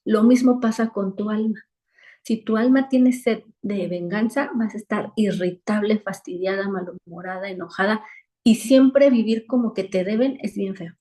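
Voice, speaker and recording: A woman's voice: medium pitch, normal speed, dark tone. Earnest woman teaching a Bible lesson. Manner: earnest, repeats phrases for emphasis. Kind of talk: weekly online Bible lesson. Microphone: video call.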